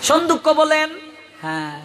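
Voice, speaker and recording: High-voiced man w/ breaking words into letters, slow, laughs now and then. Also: big pitch swings, pushed and bright, a faint crowd, a little hiss or hum. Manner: spells words out letter by letter, chuckling asides. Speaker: religious speaker teaching pronunciation. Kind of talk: spoken lesson to an audience. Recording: long hall reverb.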